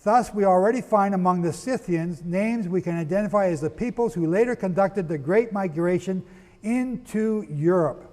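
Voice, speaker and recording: High-voiced man preaching in a hall. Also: moderate pace, a little mellow. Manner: asks the audience rhetorical questions; spells out names letter by letter. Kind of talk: sermon-style history lecture to an audience.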